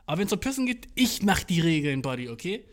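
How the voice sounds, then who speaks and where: A man's voice: fairly high pitch, sing-song, quick pace. A young man chatting casually as a podcast host, rambling in slangy, profane talk and acting out his inner voice. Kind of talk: casual chat.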